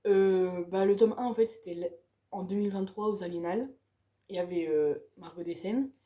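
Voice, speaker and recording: Booktuber, female, very mellow dark tone, chatty and eager, casual vlog delivery. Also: fairly low pitch, normal speed. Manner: chatty, enthusiastic, ends phrases with "quoi". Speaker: book vlogger. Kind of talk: casual chat about her reading pile.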